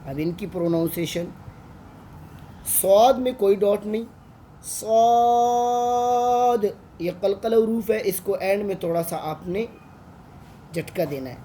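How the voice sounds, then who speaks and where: A man's voice: sits high, unhurried, pauses often, mellow, slight background noise. A man with a Pakistani Urdu accent, an online Quran tutor patiently teaching Arabic letters and drawing out each sound.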